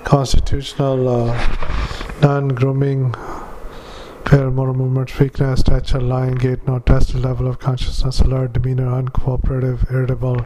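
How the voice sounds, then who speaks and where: A clinician dictating a patient report into a dictaphone, halting with frequent filler sounds and restarts. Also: male voice, mid-range voice, monotone, dark tone, a little hiss or hum, rough recording. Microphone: handheld dictaphone.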